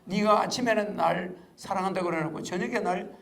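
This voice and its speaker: A man's voice: high-pitched, brisk, gravelly, fairly bright tone. A man quoting a blunt, scolding God. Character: stern, knowing male God scolding a man.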